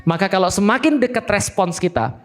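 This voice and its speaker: A man's voice: high-pitched, animated, a little fast. A man giving a conversational religious talk, often checking that listeners understand. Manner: conversational, asks listeners questions. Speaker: preacher.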